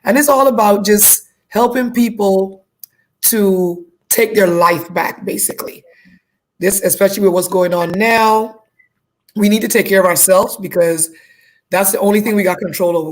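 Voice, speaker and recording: A woman's voice: mid-range voice, moderate pace. A woman from Guyana, a fitness instructor, chatting in an upbeat casual interview over a video call and circling back to repeat her points. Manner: upbeat, repeats herself while explaining.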